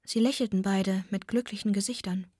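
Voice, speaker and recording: A woman reading a first-person novel aloud, soft and often close to a whisper. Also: mid-range voice, steady tone, a little fast, husky, dry recording. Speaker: audiobook narrator.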